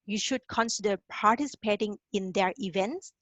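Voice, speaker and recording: A mid-range, somewhat bright female voice at a moderate pace, recorded without echo. She's a Thai career advisor presenting a webinar, and she coaches international students directly and encouragingly, checking in often with "okay?"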